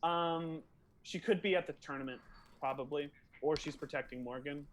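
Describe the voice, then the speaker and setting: A man's voice: fairly high pitch, steady tone, normal speed, slight background noise. A man running a tabletop game as game master, narrating loosely with many fillers.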